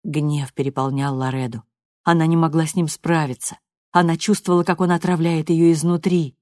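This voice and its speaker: A woman with a low voice reads a novel aloud in measured, expressive scripted narration. The sound is dry and close, with no room behind it. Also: no echo. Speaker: audiobook narrator.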